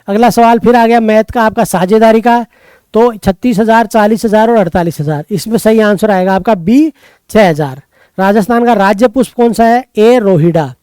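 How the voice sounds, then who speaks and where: A man's voice: sits high, normal speed, a little mellow, clear, resonant tone, dry recording. A man with a Rajasthani Hindi accent, walking through an exam paper as a tutor and answering his own quiz questions. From Rajasthan, India. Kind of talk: exam paper walkthrough lesson.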